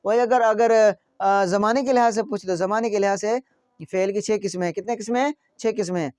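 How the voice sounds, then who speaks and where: A man's voice: sits high, steady tone, brisk, a little mellow, clear, resonant tone, no room sound. A man teaching a grammar class, repeating each point and quizzing his listeners with questions. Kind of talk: classroom lesson explaining grammar. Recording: dry, dull lo-fi sound.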